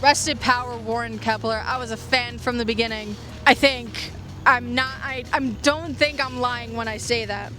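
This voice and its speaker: This video essayist, who reviews fiction podcasts, has a fairly high voice with fairly even intonation and a moderate pace. She delivers her scripted piece with casual asides and dramatic stress on key phrases while music plays behind her.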